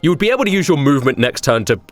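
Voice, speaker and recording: Lively man running a tabletop game. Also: a little high, very fast, dry recording, faint music behind. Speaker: game master. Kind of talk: casual tabletop game narration.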